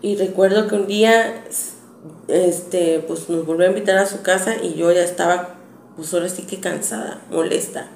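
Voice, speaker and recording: A woman recounts a personal story in an earnest, hesitant, chatty way. Her voice is low-pitched with a gravelly edge of vocal fry. The room around her is echoey, with a faint hum in the background. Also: steady tone, normal speed, a little mellow.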